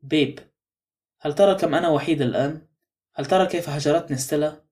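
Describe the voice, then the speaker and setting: A man's voice: on the high side, quick pace, darkish tone, natural voice. A man reading a frail, remorseful old lady. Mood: trembling. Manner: trembling, pleading speech. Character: frail elderly woman, lonely and remorseful. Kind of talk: audiobook reading.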